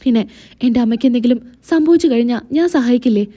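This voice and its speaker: A woman voicing a gentle young daughter-in-law who speaks in a soft, reassuring way. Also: on the high side, fast talker, lightly acted.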